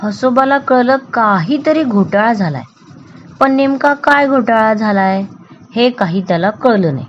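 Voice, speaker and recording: A woman reading a children's book aloud with expressive, deliberate storytelling. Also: fairly high pitch, lo-fi sound, slight background noise.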